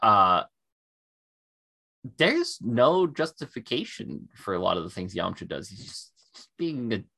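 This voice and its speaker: A man's voice: lowish voice, big pitch swings, a little slow, gravelly, sharp tone. Rambling enthusiastic man podcaster. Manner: rambling, many fillers; enthusiastic, self-deprecating. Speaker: podcast co-host. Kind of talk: casual chat.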